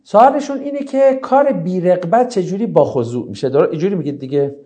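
A male teacher explaining a lesson to his class, often asking rhetorical questions. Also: high voice. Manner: animated, explanatory.

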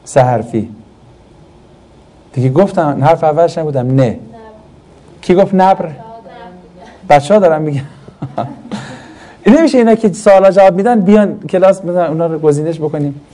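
A man teaching in a classroom, his voice sitting fairly high and mellow. He swings his pitch widely as he quizzes the students and then answers his own questions. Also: long pauses. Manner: animated, asks the class questions and answers them himself. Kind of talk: classroom lesson on Quranic Arabic grammar.

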